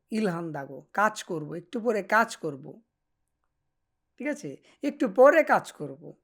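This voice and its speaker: A woman teaching Korean grammar, patiently repeating example phrases slowly. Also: mid-range voice. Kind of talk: explaining grammar to Bengali speakers.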